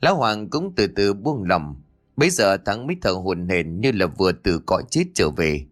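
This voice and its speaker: Lively low-voiced male storyteller. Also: normal speed, faint music behind. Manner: animated, puts on voices for each character. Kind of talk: scripted narration of a comic ghost story.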